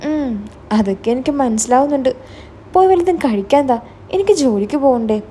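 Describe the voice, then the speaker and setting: A woman's voice: high-pitched, animated, a little fast, warm tone, a little hiss or hum. A woman voicing a stern young older brother who questions his sister suspiciously. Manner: stern, interrogating.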